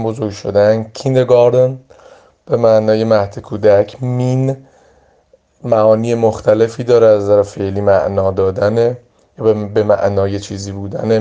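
A hoarse man teaching English words, reading each word aloud and then giving its meaning. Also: fairly low pitch, mellow. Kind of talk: vocabulary pronunciation lesson. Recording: dull lo-fi audio file.

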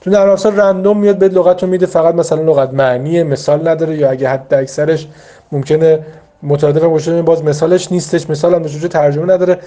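Mellow-voiced man coaching language learners. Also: fairly high pitch, fairly even intonation. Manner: patient, repetitive, explains step by step with many asides; addresses students directly and encouragingly. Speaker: vocabulary teacher. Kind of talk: informal spoken study advice to learners.

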